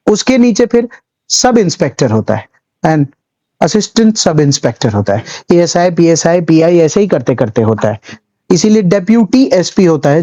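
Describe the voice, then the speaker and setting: In a high, mellow voice, a civil services exam history teacher delivers a classroom lecture. He tells chatty little stories, acts out scenes and sprinkles English terms through his speech.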